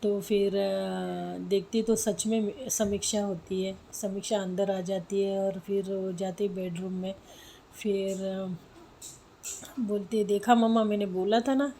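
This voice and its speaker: A woman's voice: medium pitch, little pitch movement, slow, creaky, warm tone, slight background noise, low-quality recording. Woman casually narrating a love story. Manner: rambling, with frequent fillers.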